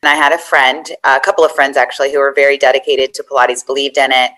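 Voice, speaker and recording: A woman in her forties, a podcast guest telling her story in a chatty, animated way. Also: rumbling low, fast talker, low-quality recording. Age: 40s. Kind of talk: conversational interview.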